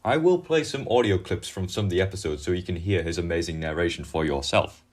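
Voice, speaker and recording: Man, video essay host, earnest and opinionated, lowish voice, lively intonation. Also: fast talker. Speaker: YouTube commentator.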